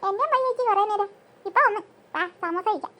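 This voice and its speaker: A woman's voice: very high-pitched, quick pace, fairly bright tone, slight background noise. A performer voicing every role in a family cartoon, switching voices between two sisters, their mother and a friend. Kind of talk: cartoon voice acting.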